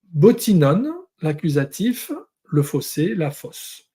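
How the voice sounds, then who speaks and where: A man teaching a lesson, going through Hebrew and Greek words one at a time with many pauses. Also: a little high, expressive, darkish tone, husky. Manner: explains word by word, pausing often. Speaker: Bible teacher.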